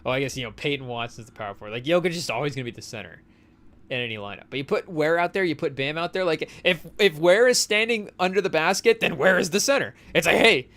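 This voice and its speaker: Young guy rambling about hoops to his stream chat, kinda high voice, tons of "like" and "you know". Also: lively intonation, quick pace, gravelly, fairly bright tone. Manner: rambling, filler-heavy, jokey asides to chat. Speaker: podcast co-host. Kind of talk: casual sports talk to a live chat. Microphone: studio mic on a live stream.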